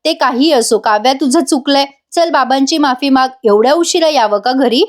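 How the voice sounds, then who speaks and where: A woman's voice: sits high, normal speed, lightly acted. A woman reading a flustered elder sister. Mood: firm.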